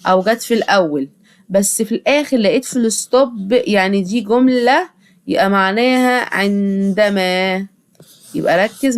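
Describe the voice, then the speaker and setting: A young Egyptian woman gives an English vocabulary lesson for children in an even, mid-pitched voice. She says each word several times, slowly and patiently, so her pupils can repeat it. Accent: Egyptian Arabic. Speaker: English teacher. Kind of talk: vocabulary lesson with drilled repetition.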